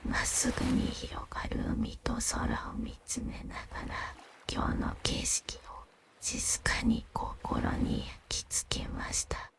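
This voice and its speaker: Slow, breathy whispering woman storyteller. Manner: soft, unhurried, soothing. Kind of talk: scripted narration of gentle fantasy stories.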